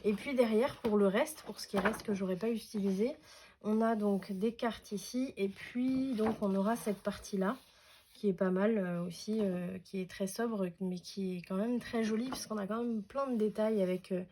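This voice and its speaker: A woman's voice: mid-range voice, normal speed, dark tone, slight background noise. A woman chatting casually through a craft unboxing, hesitant, with many fillers and restarts. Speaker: craft vlogger.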